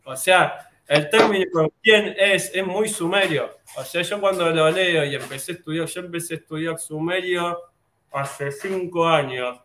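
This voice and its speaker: A man's voice: on the high side, unhurried, bright, forceful tone, a little hiss or hum. A man with a Rioplatense Spanish accent explaining things in casual talk, rambling with many fillers and restarts. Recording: echoey room.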